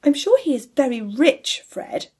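A woman's voice: high-pitched, expressive, measured pace, darkish tone, breathy edge, voice pushed up, exaggerated voice. A woman voicing a spirited young wife. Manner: pointed, earnest emphasis.

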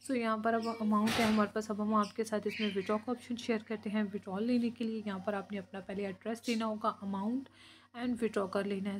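Channel host, woman, mid pitch, flat and repetitive tutorial delivery, words. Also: background noise. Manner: flat, repetitive, with frequent fillers like guys and friends. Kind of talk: screen-recorded app walkthrough.

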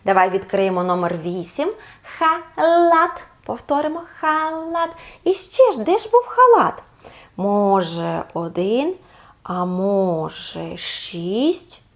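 A woman speech therapist giving a children's lesson, drawing out words slowly for the child to repeat and coaxing with sing-song praise. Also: mid-range voice.

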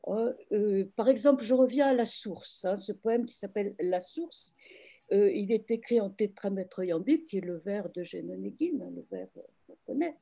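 Woman, literary translator, video call, very dark mellow timbre, hesitant and reflective. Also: medium pitch, expressive, moderate pace, creaky. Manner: hesitant, many fillers and restarts, reflective. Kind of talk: online panel discussion, thoughtful explanation.

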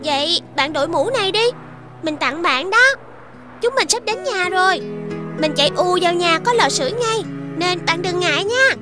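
A sweet, caring little girl in a cartoon fairy tale, speaking in a very high, childlike voice. Clear children's music plays behind her. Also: animated, normal speed. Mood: kind. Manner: bright, caring, childlike speech. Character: sweet, kind young girl princess. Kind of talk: cartoon dub acting.

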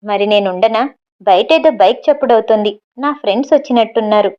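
A woman voices a mischievous young man in an audiobook novel as he affectionately teases his sweetheart by phone. She keeps her own fairly high, natural voice and reads fairly quickly, and the recording sounds dull and lo-fi.

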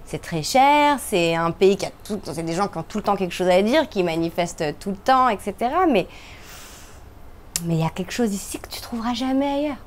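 Speaking a little quickly, a woman from France gives a casual, spirited interview, her intonation swooping high and low for emphasis. A faint hiss or hum sits under the recording.

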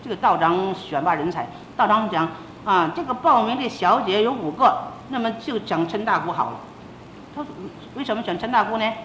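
A woman's voice: lively intonation, moderate pace, a bit bright. An older woman, a senior religious teacher, giving a sermon as a personal testimony, telling her story with emotion and acting out the dialogue. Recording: roomy old tape with faint rumble.

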